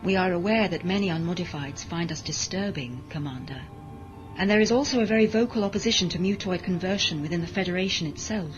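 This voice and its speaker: Over background music in a dull lo-fi audio drama recording, a woman voices a modified cyborg servant in a sci-fi story. She speaks quickly in a lowish, near-everyday voice, staying formal, precise, deferential, flat and detached, with no emotion.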